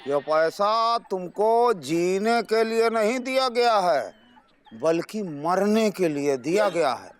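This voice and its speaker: A deadpan elderly villager who talks very slowly. His high voice moves up and down, with faint music behind. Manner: slow, deadpan. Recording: background music under dialogue.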